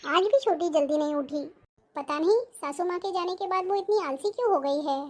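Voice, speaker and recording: Patient, hardworking elder sister-in-law, fusses aloud , played by an actress; very high voice, family short film. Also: female voice, a little fast, darkish tone. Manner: fussing, complaining to herself. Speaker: actor. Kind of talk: family drama acting.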